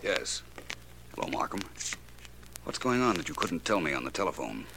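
An actor plays a suave, unflappable private detective in a 1940s radio drama, delivering wry lines with polished, dry understatement. His deep male voice swings widely in pitch at a moderate pace, with background noise present.

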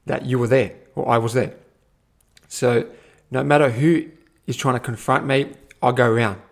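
A young man gives a casual motivational talk as a personal growth teacher, animated and repetitive, often saying "my friend". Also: mid-range voice, creaky. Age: young adult.

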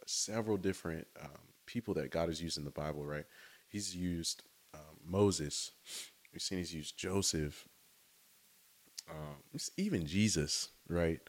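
Deep-voiced man preaching casually outdoors. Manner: enthusiastic, conversational, often says "right?" and "y'all". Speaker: faith speaker. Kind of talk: casual devotional talk.

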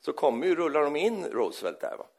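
Male preacher, gravelly voice with a raised pitch, lively storytelling sermon that acts out the quotes.

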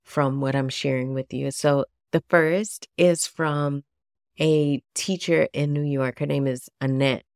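A woman hosting a solo podcast, gentle and chatty, slightly nasal and laughing at herself. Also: low voice, vocal fry, dry recording, studio quality. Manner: gentle, chatty, self-deprecating. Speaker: podcast host.

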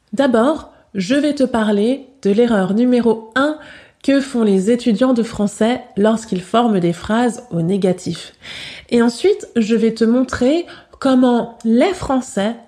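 A woman teaching spoken in a podcast lesson, saying each example slowly and carefully and repeating it for learners. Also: fairly high pitch, warm tone. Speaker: French teacher.

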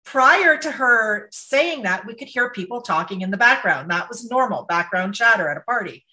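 A woman who works as a psychic medium, telling a story to her podcast co-hosts in a lively, casual way, laughing now and then. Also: on the high side, normal speed, rough recording. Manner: animated, laughs while telling stories.

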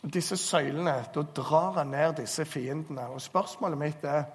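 A man preaching a sermon, telling stories and urging listeners earnestly, recorded in a church hall. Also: on the high side. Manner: storytelling, earnest exhortation. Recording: long hall reverb.

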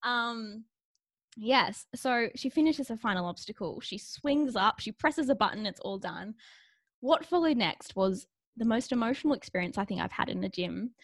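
A young woman, co-hosting a podcast, telling a story in an animated way and laughing often. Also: fairly high pitch, normal speed, no echo, studio quality. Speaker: podcast co-host. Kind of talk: casual chat.

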